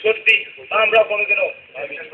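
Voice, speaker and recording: A man acts out a bewildered traveler in a stage play, talking fast in a very high voice and asking one question after another. The sound is echoey, with an audience audible in the hall. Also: narrow, tinny audio, crowd noise, lightly acted. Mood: puzzled. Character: puzzled, curious male traveler.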